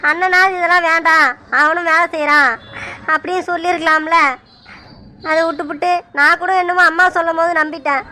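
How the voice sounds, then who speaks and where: A woman voicing a gruff village husband. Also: extremely high pitch, pushed and bright, slight background noise. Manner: blunt, scolding questions. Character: village husband, middle-aged farmer, gruff but caring. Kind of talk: cartoon voice acting.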